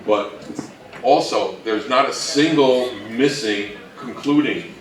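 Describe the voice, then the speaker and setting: Speaking slowly at a medium pitch, this panel presenter jokes dryly at his own expense while addressing an event crowd. Crowd noise fills the distant recording, made in an echoey indoor room.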